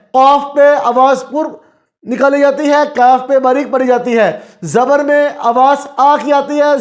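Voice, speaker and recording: A man teaching Quran recitation rules, asking the class questions and answering them himself, and chanting examples slowly. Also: very high-pitched. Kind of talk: explanatory lesson.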